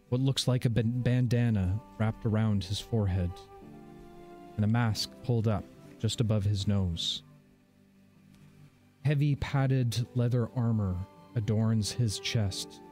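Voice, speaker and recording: A man narrating a tabletop fantasy game as game master, measured and descriptive with dramatic pauses. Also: lowish voice, warm tone. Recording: background music under the voice.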